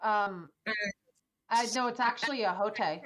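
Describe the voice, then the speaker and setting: A woman's voice: medium pitch, moderate pace, fairly bright tone. A woman playing a tabletop game, her voice echoing from a second device, hesitant with many ums. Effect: echo from a second device. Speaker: player. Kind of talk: casual tabletop game play.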